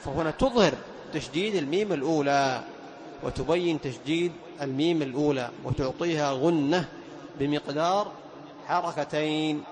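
A man teaching Quran recitation rules, explaining each point, chanting verses slowly and drawn out, and quizzing his students. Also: a little high, a little hiss or hum. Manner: quizzes students and praises answers. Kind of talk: tajweed lesson with recited examples.

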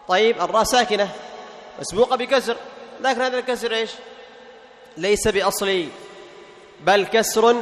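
A man teaching a tajweed class, asking his students questions, answering them and slowing down to recite examples. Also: high voice, fairly bright tone, reverberant, big-room sound, a little hiss or hum.

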